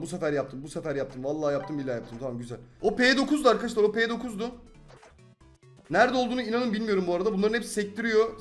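Excitable young Turkish gaming commentator. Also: male voice, high voice. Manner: excitable, exclaims and repeats himself when frustrated. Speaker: gaming YouTuber. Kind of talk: excited let's-play commentary.

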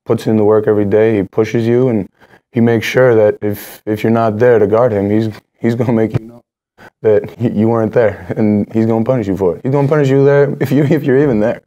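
A young college basketball player giving halting postgame answers at a press table, full of fillers and restarts. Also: male voice, lowish voice, steady tone, dark tone, lo-fi sound. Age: young adult. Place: press room in front of a team backdrop.

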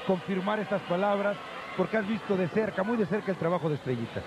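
A man's voice: high voice, expressive, fast. A man with a Mexican accent commentating live wrestling, often repeating his phrases. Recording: noisy arena broadcast. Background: arena noise.

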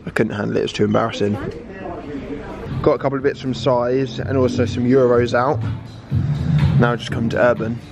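Over loud music, a southern English vlogger in his twenties talks casually to a handheld camera at arm's length, in his parked car, on city streets and inside shops. His medium-pitched, gravelly voice moves quickly with little pitch variation and frequent pauses.

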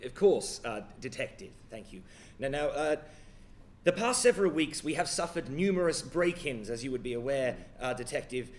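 A haggard, frightened gentleman, voiced by a man speaks in formal, stammering phrases. He has an Australian accent and a gruff edge, and his speech comes out stiff and halting. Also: medium pitch, lively intonation, lightly acted. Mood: fearful. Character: haggard, fearful wealthy older gentleman.

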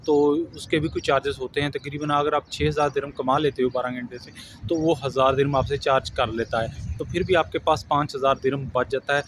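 A man's voice: mid-range voice, fairly even intonation, fairly quick, fairly bright tone, rough recording. A man, giving earnest job advice to viewers in a casual vlog, recorded outdoors on a camera held at arm's length. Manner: earnest, advising, addresses viewers as friends. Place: outdoors on a grassy lawn by buildings. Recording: outdoor ambience with traffic noise.

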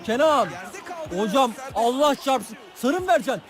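A man giving excitable, profane gameplay commentary, shouting and repeating a name again and again. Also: very high-pitched, quick pace, crowd noise. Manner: excitable, swearing, chanting a name over and over. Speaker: gamer streamer. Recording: played-back video with loud music. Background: loud music.

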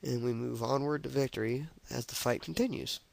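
A young man narrates his shooter game in a loose, joking way, calling out every step. His voice sits at a middling pitch with a gravelly rasp underneath. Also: a little fast, dry recording, poor audio. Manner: chatty, jokey, narrates his moves as he plays. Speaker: let's play gamer. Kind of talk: casual gameplay commentary.

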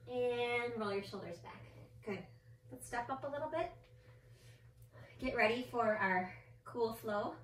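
A woman teaching yoga indoors with a slightly high voice, giving gentle, encouraging cues and counting down each pose. She sounds roomy and set back from the mic, with a faint hum of ambience behind her. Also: recorded from a distance. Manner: playful with her child. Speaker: yoga instructor. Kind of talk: guided family yoga class. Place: indoor room with a mirror and mat or carpet.

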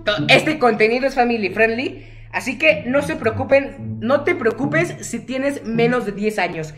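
A teenage boy with a Mexican accent and a very high voice chats casually over his gameplay as a gaming YouTuber, talking a little slowly. He rambles and jokes, constantly correcting himself, with music playing underneath.

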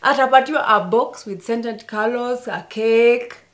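A woman's voice: a little high, a little slow, reverberant. A young woman with a Kenyan accent chatting casually as a vlog host, insistent, often cutting in and repeating herself. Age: young adult. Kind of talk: casual chat. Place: indoors, wood-panelled room.

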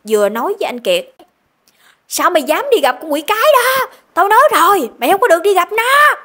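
A woman's voice: fairly high pitch, fairly bright tone. A woman with a Southern Vietnamese accent narrating a ghost story in a chatty, emphatic way.

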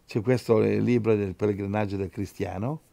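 Fervent man preaching, gravelly voice, dry recording. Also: lowish voice, steady tone, moderate pace, no echo. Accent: Italian. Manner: fervent, swings from loud exhortation to soft prayer. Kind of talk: radio sermon with scripture reading.

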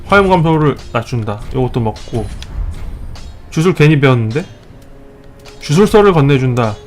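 A man hosting a let's play, giving joking step-by-step tips and scolding the enemies he fights, with sudden excited outbursts. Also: medium pitch, moderate pace, soft background music. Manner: playful mock-tutorial tone, scolding enemies. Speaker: gaming channel host.

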